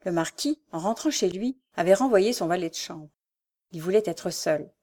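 Mellow-voiced woman narrating a novel. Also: lowish voice. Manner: measured, expressive reading. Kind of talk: audiobook narration of a classic novel.

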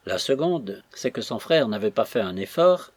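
A man reading a classic novel aloud in a steady, measured way, with a husky voice. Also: mid-range voice, dry recording. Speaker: audiobook reader. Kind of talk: scripted narration of a classic novel.

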